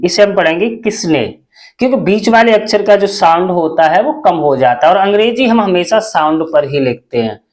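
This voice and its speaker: A male teacher giving a spelling lesson, slowly spelling words out letter by letter. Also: high-pitched.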